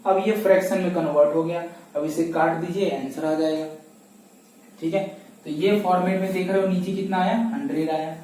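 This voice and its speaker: A man's voice: a little high, fairly even intonation, brisk, mellow, a little hiss or hum. A man teaching a math lesson step by step, asking questions and answering them himself, recorded from a distance. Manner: asks questions and answers them himself, repeats key steps. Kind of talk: classroom lesson explaining step by step. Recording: echoey room, voice from a distance.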